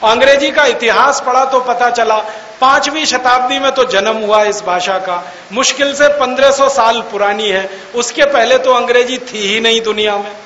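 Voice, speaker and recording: A man with a very high, sharp and forceful voice lectures an audience in a mocking, argumentative tone. He fires rhetorical questions and spells words out letter by letter to make his point. The sound rings with the long echo of a large hall, over a faint hiss. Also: moderate pace, dull audio. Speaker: public speaker.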